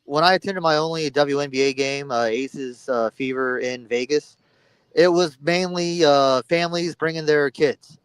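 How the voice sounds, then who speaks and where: Smooth-voiced man in his thirties. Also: on the high side, normal speed, no room sound, poor audio. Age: 30s. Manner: relaxed storytelling, many fillers. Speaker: podcast guest. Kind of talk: casual podcast chat.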